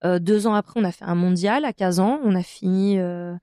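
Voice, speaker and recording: In a clear, resonant mid-range voice and at a fairly quick pace, a thirtysomething French handball professional shares her career story on a podcast. She is hesitant and full of fillers but warm about her career. The recording is dry and studio quality.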